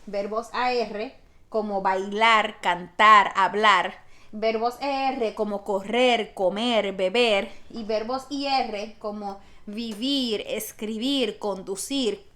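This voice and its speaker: A woman's voice: mid-range voice, slow, bright, forceful tone. A woman teaching a grammar lesson, patiently explaining step by step with spoken examples. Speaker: Spanish teacher.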